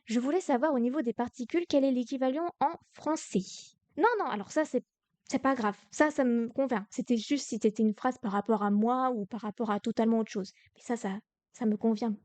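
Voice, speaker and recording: A woman's voice: a little high, a little fast, darkish tone, no room sound. A young woman teaching Korean to beginners on a livestream, explaining each answer patiently and step by step. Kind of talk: livestream lesson.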